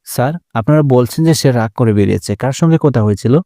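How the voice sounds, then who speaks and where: Formal police inspector, questioning, read by a male narrator; mellow, dry. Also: medium pitch, quick pace, no echo, natural voice. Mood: probing.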